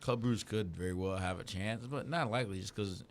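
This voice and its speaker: A man's voice: on the low side, fairly quick, a little hiss or hum. A man co-hosting a soccer radio show, arguing his picks in loose, slangy casual chat full of restarts. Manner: animated, slangy, talks in restarts.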